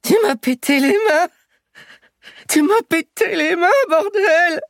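A man voicing a scrawny, sneaky man who whines and sobs in a high voice, in a storybook reading. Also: slow, gravelly, fairly bright tone, dry recording, studio quality, heavily acted. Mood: howling pain. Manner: shrill, sobbing pleas.

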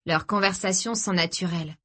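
Woman, narrator, scripted audiobook reading, measured, even delivery. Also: lowish voice.

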